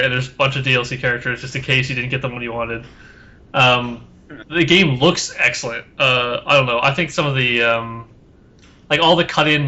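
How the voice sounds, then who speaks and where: A man's voice: mid-range voice, bright, forceful tone, dull audio. A tired man co-hosting a casual podcast, rambling with lots of fillers and self-deprecating jokes. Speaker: podcast co-host.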